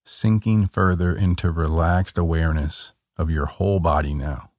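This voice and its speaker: Calm, meditative man with a very low voice. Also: no echo, clean studio sound. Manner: gentle, unhurried instruction with short soothing phrases. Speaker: meditation guide. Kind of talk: guided body-scan relaxation.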